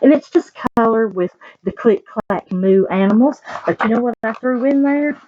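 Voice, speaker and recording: Over lo-fi audio, a Southern-accented woman with a higher, dark-toned voice reads a picture book to children at normal speed. She's a library storyteller who chats in folksy asides and poses questions to the kids.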